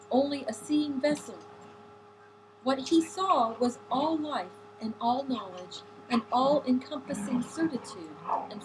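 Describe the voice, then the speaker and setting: A woman reading a novel aloud in a deliberate way, now and then correcting a slipped word. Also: high-pitched, a little hiss or hum, rough recording. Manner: deliberate, with occasional slips and self-corrections. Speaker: audiobook reader.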